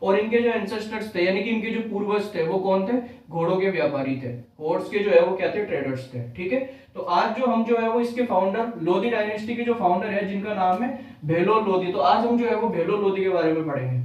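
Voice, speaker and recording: High-voiced male teacher in an echoey room. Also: fairly quick, recorded from a distance, highs cut off. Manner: repeats key facts as questions and answers them; mixes English terms into Hindi. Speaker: history teacher. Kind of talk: exam-prep history lesson.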